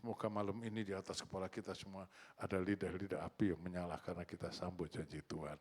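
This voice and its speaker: A male pastor delivers a sermon in a lowish voice. He asks his listeners questions, acts out little exchanges, and shifts between loud outbursts and hushed, prayerful tones. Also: little pitch movement, quick pace. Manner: conversational preaching that swings between loud exclamations and hushed prayer.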